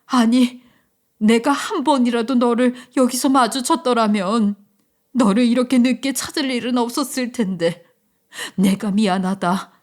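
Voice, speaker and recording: A woman voicing a wealthy middle-aged mother, emotional and pleading, with loud, slow, sobbing lines. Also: on the high side, natural voice.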